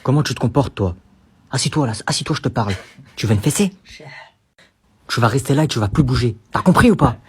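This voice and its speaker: A man voicing a strict mother who loudly scolds her son. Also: fairly high pitch, wildly swooping pitch, drawn-out words, long pauses, slightly rough, full character voice. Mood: scolding. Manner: loud, scolding.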